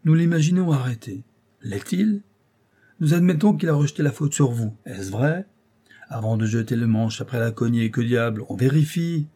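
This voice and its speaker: Reader doing sly older broker, paternal and manipulative, mellow husky tone, raised lively delivery. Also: male voice, mid-range voice, moderate pace, lightly acted. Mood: persuasive. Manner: coaxing, ironic, lecturing. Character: crafty aging male job broker, paternal and scheming. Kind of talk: audiobook character voice.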